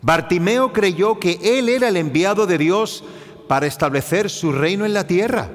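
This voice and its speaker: A man's voice: sits high, normal speed, in a large hall. A man preaching a sermon to his congregation, acting out the cries of the people in the story. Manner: animated, acts out the cries of the story.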